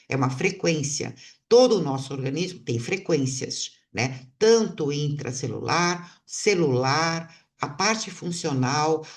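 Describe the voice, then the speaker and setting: A woman's voice: sits low, distant mic. Woman lecturing, a bit off-mic. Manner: explanatory, with frequent tag questions and rhetorical questions. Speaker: instructor of integrative therapies. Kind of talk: online lecture.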